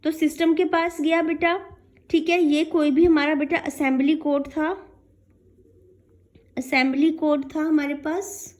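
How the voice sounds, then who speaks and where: Her voice is high and a little mellow, delivered in a level tone at a slightly slow pace. As a programming instructor explaining concepts, she raises and resolves her own questions, uses lots of check-in tags, and blends in English technical words.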